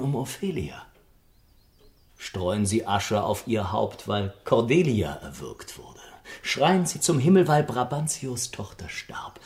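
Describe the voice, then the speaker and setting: Deep, animated, cynical Lord Henry. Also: male voice. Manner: theatrical, declamatory. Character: worldly, cynical English lord, suave and persuasive mentor. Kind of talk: German radio drama acting.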